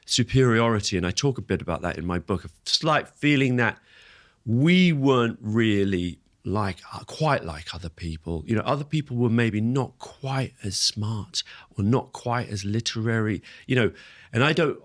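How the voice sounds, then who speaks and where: A man with a fairly low voice gives a thoughtful interview answer. He feels his way through sentences, repeating words, in a very dry recording. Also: lively intonation, normal speed, no room sound. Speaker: interview guest.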